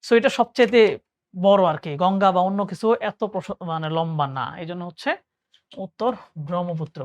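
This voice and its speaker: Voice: mid-range voice, a little fast, no room sound, studio quality. A young adult teacher with a Bangladeshi Bengali accent, reading exam questions aloud and answering each one step by step, often thinking aloud and correcting themselves. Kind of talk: admission exam lesson.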